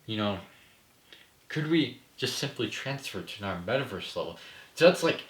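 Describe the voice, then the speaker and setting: This mid-pitched male filmmaker talks things through informally after a table read, animated and at a moderate pace, his tone fairly bright. He lays out his thinking in an explanatory way, frequently tacking on a questioning "right?", while the space around him echoes noticeably.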